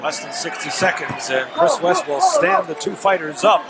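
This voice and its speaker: A man giving live MMA play-by-play in a booming, projected announcer delivery. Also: wildly swooping pitch, moderate pace, vocal fry. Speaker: fight play-by-play commentator. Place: live sports arena. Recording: loud crowd and arena noise behind. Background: loud fight crowd.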